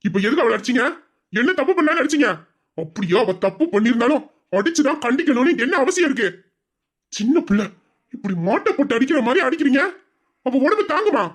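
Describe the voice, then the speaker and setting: A performer voicing a protective young man in a family drama, husky and stern toward elders. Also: high voice, big pitch swings, quick pace. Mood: angry, protective. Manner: scolding, then gently soothing. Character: protective young man, fierce uncle to a little girl.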